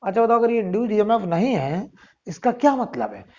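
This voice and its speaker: A man's voice: high voice, sing-song, fairly quick, a little mellow. Man teaching physics, dull lo-fi recording. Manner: keeps asking and answering rhetorical questions, repeats key phrases. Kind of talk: recorded classroom lecture. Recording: dull lo-fi sound.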